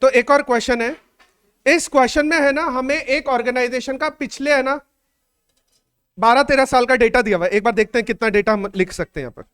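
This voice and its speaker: A male teacher giving a classroom lecture in a conversational way, repeating phrases, checking in with students, and dictating numbers slowly. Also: very high voice, fairly bright tone, clear, resonant tone.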